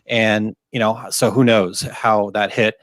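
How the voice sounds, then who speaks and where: A man's voice: lowish voice, flat delivery, slow, a bit bright, no room sound, studio quality. A man co-hosting a casual live Q&A, reading viewer questions aloud and joking around with frequent laughs. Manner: jokey, laughs often, reads questions aloud.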